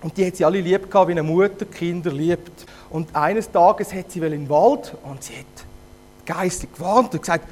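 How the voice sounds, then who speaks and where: A man with a Zurich Swiss German accent casually retelling a fairy tale, lively, with hesitations. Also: high voice, normal speed. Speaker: storyteller.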